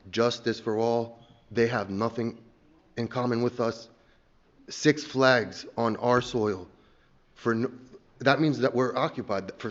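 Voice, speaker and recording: Heated man at a council podium, muffled. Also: mid-range voice. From United States. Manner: heated, emphatic, halting with fillers. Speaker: public commenter. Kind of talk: public comment at a council meeting. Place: council chamber.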